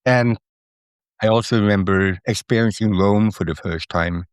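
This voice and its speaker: A middle-aged man from Norway, an interview guest who speaks in a thoughtful, measured way with a few fillers. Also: on the low side, clean tone, dry recording, clean studio sound. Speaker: interview guest, Italian student. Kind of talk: conversational interview.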